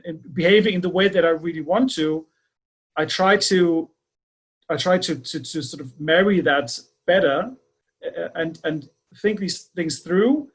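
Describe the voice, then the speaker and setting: A male podcast host who talks haltingly, circling back over his own words as he hunts for the right phrasing. His voice sits a bit higher than most men's. He stays thoughtful and reflective throughout. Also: husky. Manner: halting, repeats words while searching for phrasing. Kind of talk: reflective conversation.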